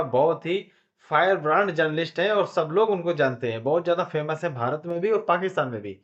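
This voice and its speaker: A man's voice: a little high, dull audio. A man introducing his video and explaining the background in casual commentary. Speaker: channel host.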